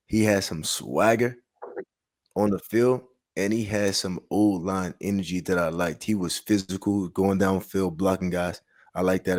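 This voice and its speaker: A man co-hosting a sports podcast, chatting casually in a blunt, slangy way. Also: deep voice. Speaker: podcast co-host. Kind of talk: casual sports commentary chat.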